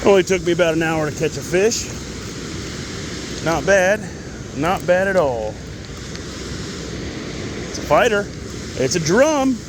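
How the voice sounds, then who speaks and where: Male angler, casual vlog chat, fairly high voice, folksy, outdoors with clear rushing-water noise. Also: animated. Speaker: amateur angler filming a fishing vlog.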